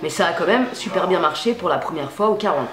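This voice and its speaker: A woman's voice: on the low side, lively intonation, quick pace, roomy sound, a loud crowd. A woman chatting casually while demonstrating how she dyes her hair, slangy and full of fillers. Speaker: beauty vlogger. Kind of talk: casual hair-dye tutorial chat. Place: home at night.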